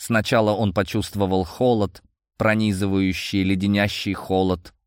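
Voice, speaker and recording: A man narrating a fantasy audiobook in a steady, even storytelling delivery. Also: on the low side, moderate pace, smooth, dry recording, clean studio sound.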